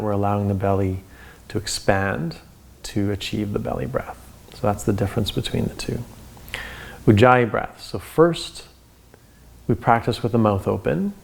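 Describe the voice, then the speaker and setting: A man giving guided breathing instruction as a yoga teacher, in calm, measured steps with pauses between short cues. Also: fairly low pitch, vocal fry.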